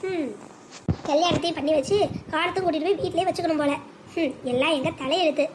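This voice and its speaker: A sharp-tongued sister-in-law in a cartoon story, voiced by a woman, sarcastic and complaining in a very high, fast voice. She mutters barbed remarks. Background noise hums under the track. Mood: grumbling.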